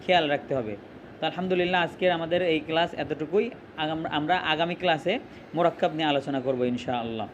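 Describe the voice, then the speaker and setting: A man's voice: on the high side, fast, lo-fi sound, a little hiss or hum. A man teaching a Quran reading lesson, drawing out letters and asking questions that he answers himself.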